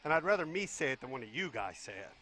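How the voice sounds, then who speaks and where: Out of breath guy giving a sideline update, bright voice, pretty emphatic. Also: medium pitch, sing-song, racing.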